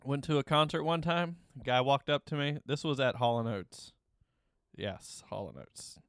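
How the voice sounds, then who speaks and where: A man co-hosting a casual podcast, telling stories in an animated, profane way and imitating other people's voices. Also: medium pitch, moderate pace, clear, resonant tone, dry recording, studio quality. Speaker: podcast co-host.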